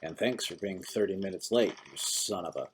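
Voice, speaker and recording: A man's voice: sits low, animated, normal speed, breathy edge. A man voicing a soaked, grumpy man who answers curtly and mutters through clenched teeth in a read-aloud story. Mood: sour, curt. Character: soaked, grumpy man waiting for a late bus.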